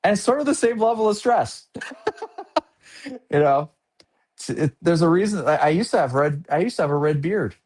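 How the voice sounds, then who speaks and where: A man's voice: fairly high pitch, expressive, normal speed, pauses often, a little mellow, husky. A man in his fifties, a guest artist in a casual interview, speaking in an easygoing way with frequent hesitations and ums. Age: 50s.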